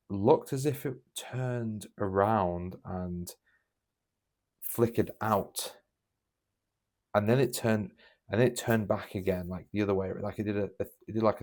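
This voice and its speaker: Young man, low and gravelly, chatty, meandering podcast storyteller. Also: a little mellow. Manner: rambling, filler-heavy, many restarts. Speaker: podcast host. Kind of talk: casual storytelling.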